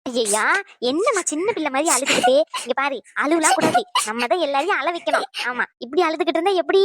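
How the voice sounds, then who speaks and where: A caring middle-aged mother from a cartoon, voiced by a woman, reassuring and a little bossy. She talks fast in a fairly high voice, and the close, dry recording adds no room sound. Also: animated, a bit bright, dry recording. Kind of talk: cartoon voice acting.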